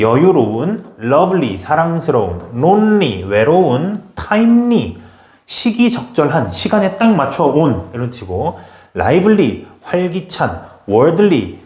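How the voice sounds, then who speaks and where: A man teaching an English grammar lesson in a brisk way, often checking in with his students and urging them to memorize. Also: a little high, a little mellow, roomy sound. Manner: brisk, repeats "okay?" and pushes students to memorize. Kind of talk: classroom lecture.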